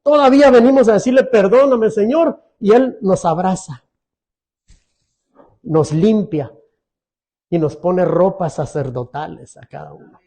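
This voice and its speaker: A man's voice: high voice, unhurried, pauses often, mellow. A middle-aged man preaching a sermon as pastor, earnest and pleading, often asking his congregation questions.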